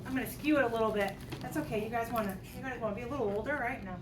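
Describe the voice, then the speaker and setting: A playful, jokey math teacher in her fifties gives a classroom lecture, racing as she talks students through tallies and examples aloud with light teasing. Her voice sits high. A distant room mic captures her in an echoey classroom with steady background noise.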